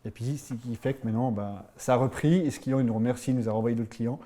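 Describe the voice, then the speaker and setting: A man's voice: medium pitch, fairly even intonation, fast, mellow. A man running an IT company, talking earnestly in a casual interview and telling a heartfelt story. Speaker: IT company owner, guest.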